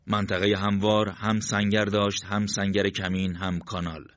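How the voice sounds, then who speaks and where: A man reading a war novel aloud as an audiobook narrator, in a steady, measured literary style. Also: fairly low pitch, no room sound. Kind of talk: scripted narration. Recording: dull, lo-fi dry sound.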